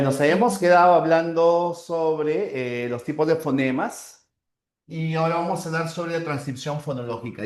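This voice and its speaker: A man lectures a class in a fairly high voice, slowly sounding out each example word and pausing to check that students follow. His voice carries a noticeable room echo, as if recorded in a classroom. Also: a little mellow. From Peru. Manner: slow, drawn-out spelling of example words; checks in with the class with short tags. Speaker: teacher.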